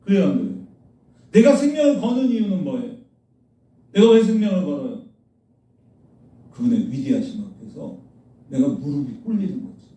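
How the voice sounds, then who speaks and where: A man's voice: a little high, big pitch swings, moderate pace, long pauses, dark tone. A man preaching a sermon as pastor, blunt and scolding, firing rhetorical questions at the congregation. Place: church sanctuary. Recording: echoey church hall, mic at a distance.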